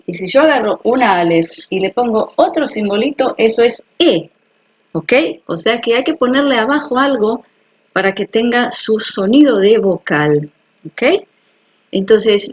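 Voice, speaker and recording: A woman's voice: fairly high pitch, a little mellow, slightly rough, dull audio. A woman hosting her own video, explaining things to viewers in an earnest, personal way and checking that they follow. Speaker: health video host. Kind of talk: casual explanatory talk to viewers.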